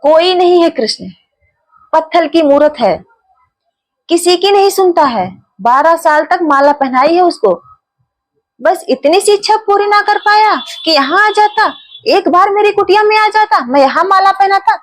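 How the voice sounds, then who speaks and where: A woman's voice: very high voice, animated, unhurried. A woman voicing an old male devotee who complains bitterly about an unanswered wish. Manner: complaining, grumbling.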